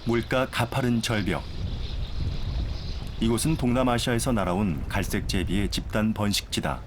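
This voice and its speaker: A man narrating a nature documentary from a script in a measured, formal way. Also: fairly low pitch, noisy background.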